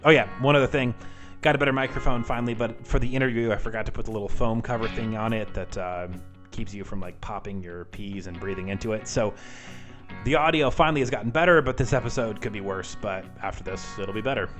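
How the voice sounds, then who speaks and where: A man's voice: on the low side, fast talker, over music. Casual, self-deprecating male podcast host. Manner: informal, self-deprecating, wry. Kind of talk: casual, chatty podcast talk. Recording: amateur home podcast audio.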